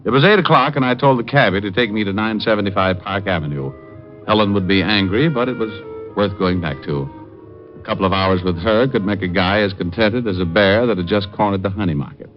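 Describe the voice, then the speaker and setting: In a 1950s radio drama, a male actor narrates as a wisecracking private detective, dry and laconic. His voice is lowish, fairly quick and close to everyday speech, heard on a muffled old recording with music.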